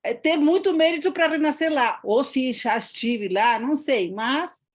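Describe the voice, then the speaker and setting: Hesitant, apologetic woman with a higher voice on a group call. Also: moderate pace. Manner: hesitant, apologetic, many restarts. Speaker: study group participant. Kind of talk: online group chat.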